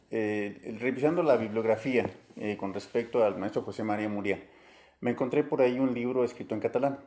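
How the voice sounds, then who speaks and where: A man's voice: lowish voice, dark tone. A man hosting a cultural program, introducing and questioning a guest formally and earnestly, with some hesitations. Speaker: interviewer, host.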